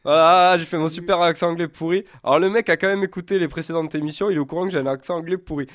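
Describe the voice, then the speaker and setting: A man's voice: on the high side, fairly even intonation, rapid-fire, no echo, clean studio sound. A man hosting a casual radio show, joking and teasing his guest in a chatty way.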